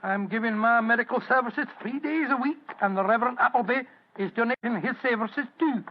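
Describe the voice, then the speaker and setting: An actor playing a genial, excitable older English doctor with old-fashioned courtesy, in a radio drama. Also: male voice, very high-pitched, fairly quick. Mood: genial, courteous. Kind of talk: 1940s radio drama acting and storytelling. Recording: dull, muffled old radio recording.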